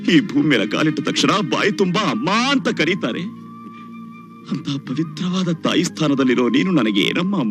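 Grieving young son, wildly swinging pitch, film score behind. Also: male voice. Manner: emotional, reproachful then pleading. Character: grieving young adult son, bitter yet tender. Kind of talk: film drama acting. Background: film score over the dialogue.

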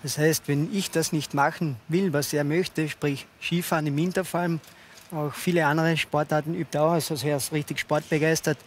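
A man answers interview questions earnestly, his voice a touch higher than most men's. He lays out his points step by step. A faint noise runs under the studio sound. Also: steady tone, fairly quick. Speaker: father of a young skier. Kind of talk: talk-show interview answers. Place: TV studio with audience. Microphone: headset mic.

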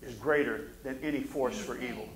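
An older man preaching a fervent sermon from a church pulpit, often sinking to low, intense tones between amens. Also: moderate pace, crowd noise. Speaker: pastor. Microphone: pulpit mic. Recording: echoey sanctuary.

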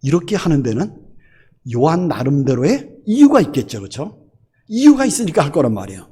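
A man's voice: fairly high pitch, brisk, husky. A middle-aged man, a senior pastor, preaching a sermon and asking his congregation question after question. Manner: animated, rhetorical questions to the congregation.

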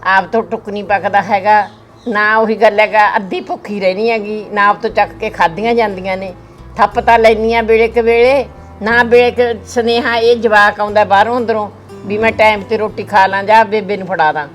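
A woman's voice: mid-range voice, steady tone, a little fast, soft background music. Older Punjabi grandmother, weary. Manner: worn, complaining. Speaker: grandmother in a village drama.

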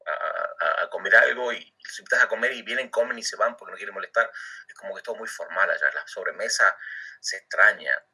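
A middle-aged Argentine man from Comodoro Rivadavia chats casually as an interview guest, thinking aloud, stumbling over and repeating words, and laughing easily. His Argentine Spanish is fairly low, fast, bright, forceful, and slightly rough. The recording is low quality, with the mic set at a distance.

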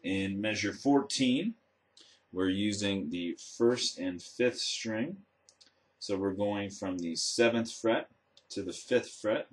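Acoustic guitar notes and plucking fill the background as a man with a fairly low voice teaches guitar in a room with instruments. His instruction proceeds step by step, careful and measured, as he demonstrates.

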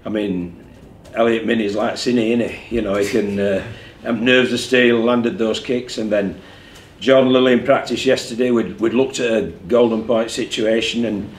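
Candid coach, echoey room. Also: male voice, fairly low pitch, fairly even intonation, normal speed, hardly any pauses. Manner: candid, conversational, repeats words as he thinks. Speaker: rugby league head coach. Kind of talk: post-match press conference. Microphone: desk mic in front of him. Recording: echoey room with faint background hum.

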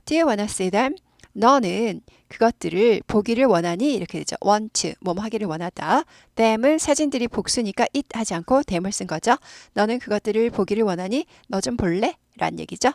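A woman's voice: medium pitch, animated, moderate pace, no echo, clean studio sound. A woman teaching English grammar in Korean, explaining patiently and repeating phrases again and again for students to copy. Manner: patient, repeats words many times for practice. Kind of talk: explaining grammar and leading repeat-after-me drills.

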